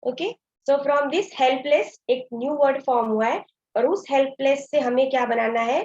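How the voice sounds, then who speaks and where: Woman, grammar teacher, high voice, code-switches to Hindi, dull lo-fi recording. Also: unhurried, darkish tone. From India. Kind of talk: classroom lesson explaining grammar.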